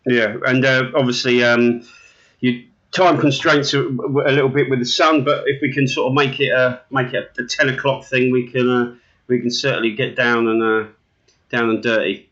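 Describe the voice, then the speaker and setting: Bloke hosting a podcast, rambly and crude, lots of false starts, forceful bright voice, kinda muffled lo-fi audio. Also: male voice, mid-range voice, level tone, normal speed. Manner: rambling, joking, many restarts. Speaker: podcast host. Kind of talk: casual crude banter.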